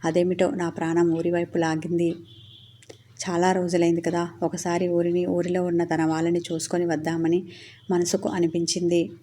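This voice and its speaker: A woman's voice: lowish voice, completely flat delivery, moderate pace, mellow, slight background noise, close to an everyday voice. A woman reading a worried older aunt. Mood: grieving. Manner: anxious and self-blaming.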